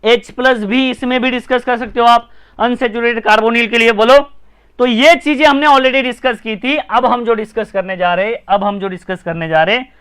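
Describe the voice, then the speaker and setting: Indian guy teaching a live online class, really high voice, smooth and clear, keeps repeating stuff and telling people to comment. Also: fairly bright tone. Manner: brisk, repetitive, urging viewers to comment and share. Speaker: chemistry teacher.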